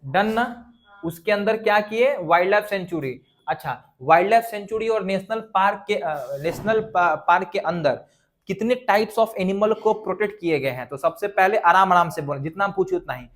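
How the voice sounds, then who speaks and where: A man teaches an exam revision lesson. His voice sits fairly high for a man. He drills the class by repeating lists aloud and quizzing them as he goes. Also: moderate pace, a bit bright.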